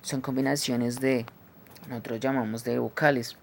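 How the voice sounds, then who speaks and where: A man teaching English phonetics, who explains each symbol slowly and keeps checking with "¿sí?". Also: medium pitch, flat delivery, creaky, a little hiss or hum. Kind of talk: phonetics lesson.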